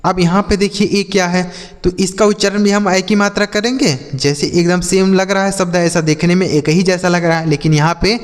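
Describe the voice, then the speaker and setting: A man's voice: high voice, fairly even intonation, a little fast, long reverb tail. A man teaching English reading step by step. He asks his students questions and answers them himself. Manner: addresses students as kids and brother. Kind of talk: classroom-style phonics lesson.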